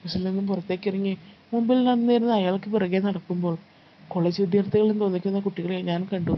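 A woman narrating a first-person life story in a calm, steady storytelling read. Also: medium pitch, fast. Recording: slightly muffled with faint background noise.

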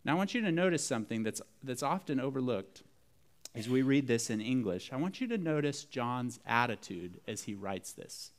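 A man's voice: mid-range voice, sing-song, moderate pace. A man preaching a sermon as pastor, earnest and building emphasis through repetition.

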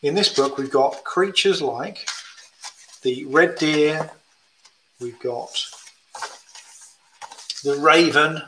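A tired man chattily showing his children's books, with fillers and gentle rhyme readings. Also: fairly high pitch, extremely slow, long pauses, background noise. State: tired, yawning. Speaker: children's book author. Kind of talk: casual book presentation with rhyme readings.

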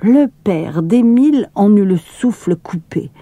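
A woman narrating a children's storybook in a calm, measured reading voice, close to the mic. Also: medium pitch, dry recording.

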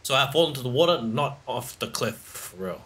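A man's voice: mid-range voice, brisk, a bit bright, a little hiss or hum. A man giving let's play commentary, talking to himself as he plays, with frequent exclamations and laughter. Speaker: gaming channel host.

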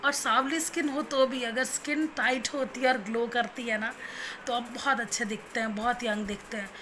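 This is a young woman, a new mother, talking casually to viewers from home, giving plain advice directly and cooing baby talk at her infant. Her voice is a little high with fairly even intonation and normal speed, and the background is noisy.

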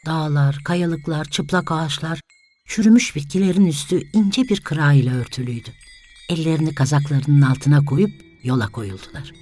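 A woman narrating a literary story in a measured, dramatic reading. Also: low voice. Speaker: audiobook narrator. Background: soft music.

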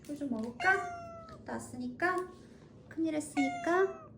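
High-pitched woman cooing baby talk. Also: huge pitch swings, normal speed, reverberant, noisy background. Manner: soothing, repeats words softly. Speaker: cat owner. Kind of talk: casual talk to a pet. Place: home. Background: loud background music with piano.

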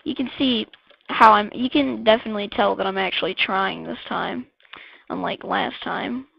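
A woman giving casual gameplay commentary, rambling and excitable, blurting out weapon names as she plays. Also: mid-range voice, normal speed, vocal fry, husky, no echo. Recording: dull lo-fi dry mic.

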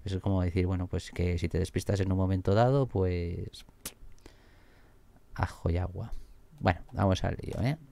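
A man commenting on his game as he plays, excitable and swearing often. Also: deep voice, normal speed, creaky, long pauses. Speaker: gaming streamer. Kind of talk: let's play commentary.

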